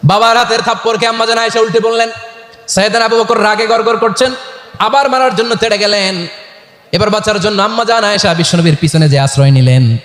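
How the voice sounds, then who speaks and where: A man preaching a storytelling sermon to a large gathering, animated and asking the crowd questions. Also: sits high, fast. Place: large public gathering over loudspeakers. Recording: echoey hall, long reverb.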